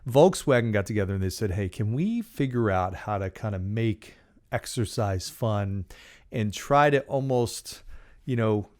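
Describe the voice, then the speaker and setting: With a lowish voice and a measured pace, this podcast host in his forties talks about leadership on his own show. He's relaxed and playful, cracking jokes and moving his hands expressively. He records into a large condenser microphone placed in front of him, in a compact studio treated with dark acoustic panels.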